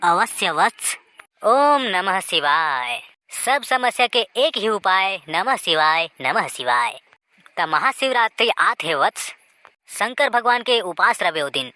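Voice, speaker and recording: A woman voicing a calm, solemn old male holy man in a Chhattisgarhi cartoon, speaking with a slow, chanting, preachy manner and a Chhattisgarhi accent. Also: mid-range voice. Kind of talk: cartoon voice acting. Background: background music.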